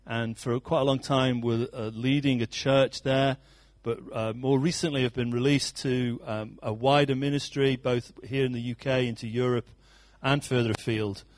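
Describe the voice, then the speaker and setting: A man leads the meeting, introducing a guest and praying over him in a relaxed, unhurried way. He pauses often and fills gaps with ums and uhs. His voice is mid-pitched and recorded dry, with no room sound. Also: no room sound. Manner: relaxed, hesitant with many fillers. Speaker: church leader introducing a guest. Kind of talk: introduction and prayer.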